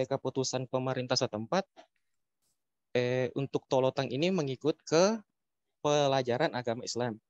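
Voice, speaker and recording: A man's voice: medium pitch, no echo. A man from South Sulawesi speaking on a panel over a bad-connection video call, explaining things with frequent hesitations. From South Sulawesi, Indonesia. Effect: muffled video-call audio on a bad connection. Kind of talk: discussion on an online call. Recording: dull dry call audio.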